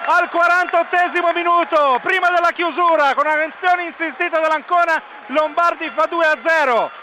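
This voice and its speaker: A man giving breathless, excited live football goal commentary with drawn-out shouts, as a play-by-play commentator. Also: very high-pitched. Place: outdoor stadium stand. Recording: outdoor stadium commentary with background noise. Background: stadium ambience noise.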